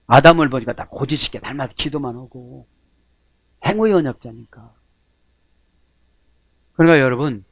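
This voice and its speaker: A middle-aged man preaching a sermon, acting out prayers and cries in a folksy, animated way. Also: a little high, dry recording. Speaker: pastor.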